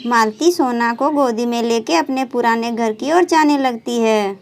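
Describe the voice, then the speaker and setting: A woman narrates a children's doll story in simple, deliberate scripted narration. Her voice sits high and she speaks slowly and clearly. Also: slight background noise.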